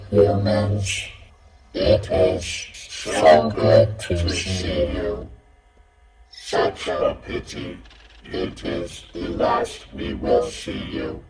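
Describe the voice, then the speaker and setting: A man voicing a cold, menacing machine that has turned on humans, in a robot voice with slow, flat, ominous declarations. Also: sits low, heavily acted. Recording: echoey distant voice over loud music.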